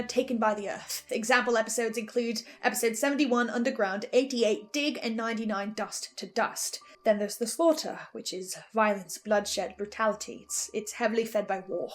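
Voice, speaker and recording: A woman host with a slightly high voice gives an informal fan recap and theory commentary as a first-time listener reviewer. Her animated asides keep cutting into her own train of thought.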